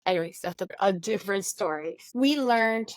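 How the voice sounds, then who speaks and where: A woman's voice: medium pitch, moderate pace, no echo. Woman telling her story. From Mexico. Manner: animated, acts out quoted voices. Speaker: guest. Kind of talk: casual interview storytelling.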